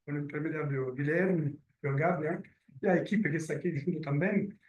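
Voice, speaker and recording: In a meeting room, a middle-aged Italian man gives a hesitant business presentation filled with fillers, his accent a mix of Italian and French. His voice is a little high and darkish at normal speed, and the recording is muffled and roomy from a distant mic.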